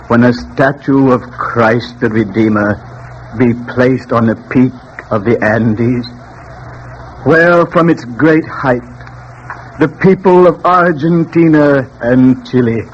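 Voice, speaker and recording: Solemn old bishop preaching, real slow, old radio show sound, muffled and hissy. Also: male voice, mid-range voice. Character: solemn older male bishop preaching peace. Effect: old-time radio broadcast sound. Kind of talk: 1930s radio drama acting. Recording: muffled 1930s radio recording with faint hiss.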